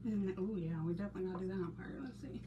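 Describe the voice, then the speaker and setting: This craft channel host, a Texan woman, races through her casual painting live stream in a mid-range voice. The audio is dull with a noisy hiss, and she chats, laughs frequently, and greets viewers by name as she reads the live chat.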